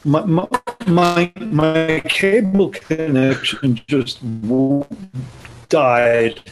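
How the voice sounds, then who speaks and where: A man calling in on a video call, his audio slowed down and laggy, halting and repeating words as his connection fails. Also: on the high side, music in the background. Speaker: caller on a live video call. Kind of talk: casual chat. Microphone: computer on a video call.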